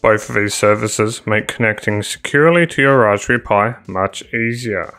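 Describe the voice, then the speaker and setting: Bright, low-pitched male tutorial narrator. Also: clean tone, faint music behind. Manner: slow, deliberate dictation of commands. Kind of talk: scripted tutorial voice-over.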